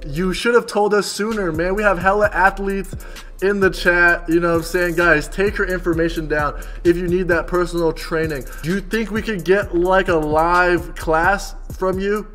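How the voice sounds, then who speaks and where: A man in his twenties hosting a livestream in casual, slangy, excitable frat-bro talk, peppered with bro, yo and dude. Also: high voice, moderate pace, soft background music. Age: 20s. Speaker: livestream host. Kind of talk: casual livestream chat with a guest. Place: indoor room, streaming setup.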